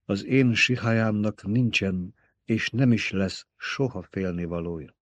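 Brief: man reading a young desert ruler, low-voiced, measured, commanding, dry close read. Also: no echo, natural voice. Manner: measured, calmly dictating terms. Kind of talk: audiobook reading.

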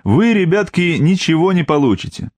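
A man's voice: a little high, big pitch swings, moderate pace, darkish tone, no room sound, voice pushed up. A man voicing a wary, sardonic tough man in an audiobook, talking in a dry, mocking, cold way.

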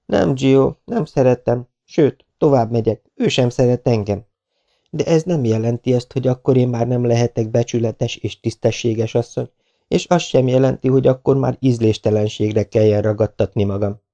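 A man reading an audiobook, voicing a composed young woman with a calm, gently firm and slightly teasing manner. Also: medium pitch, muffled recording, voice pushed up, lightly acted. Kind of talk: audiobook character voice.

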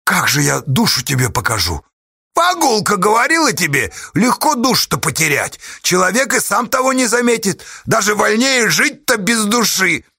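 A man's voice: sits high, sing-song, moderate pace, gravelly, bright, forceful tone, slightly rough, dry recording, clean studio sound, voice pushed up, exaggerated voice. A man voicing a mocking, devilish male outlaw who taunts and hurls accusations.

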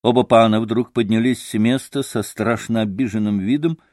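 A man reading a classic novel aloud as an audiobook narrator, expressive and acting every character. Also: lowish voice, moderate pace, no room sound, clean studio sound. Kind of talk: classic novel read aloud with acted voices.

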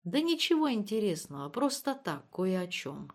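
A woman voicing a withdrawn, gentle husband in an audiobook, soft and apologetic. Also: mid-range voice, sing-song, normal speed.

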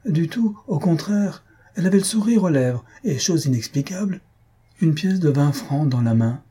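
A man reading aloud and voicing a flustered, excitable middle-aged bourgeois man with high agitated exclamations. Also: moderate pace, slightly rough.

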